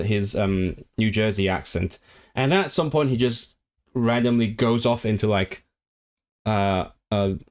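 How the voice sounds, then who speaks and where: A man whose first language is not English, musing casually on a livestream and answering viewer comments. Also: lowish voice. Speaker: language-learning streamer.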